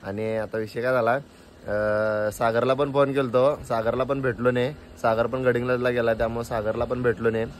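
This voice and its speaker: A young man talks to the camera in a loose vlog style. His voice sits at a middle pitch. He sounds chatty and teasing, at home and then out on the road. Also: level tone, moderate pace, a little hiss or hum. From Kolhapur region, India. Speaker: vlogger. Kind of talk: casual vlog talk to camera.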